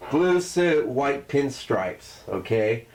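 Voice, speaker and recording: A man's voice: mid-range voice, animated, slow pace, darkish tone, poor audio. Profane, loose-talking man on a podcast. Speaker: podcast co-host. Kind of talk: casual podcast chat.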